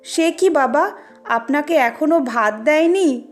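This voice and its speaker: A gentle father in his fifties in a storybook, speaking softly and soothingly, as a woman reads his lines. The voice stays high and unhurried over faint music. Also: expressive. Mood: pleading. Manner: soothing, mildly reproachful. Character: gentle fifty-something father, mild and pleading.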